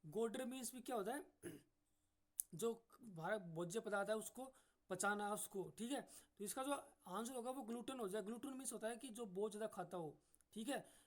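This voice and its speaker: A man teaching an exam-prep English lesson who explains patiently, often says "ठीक है", and restarts words mid-way. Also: high-pitched. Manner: reads English sentences out very slowly.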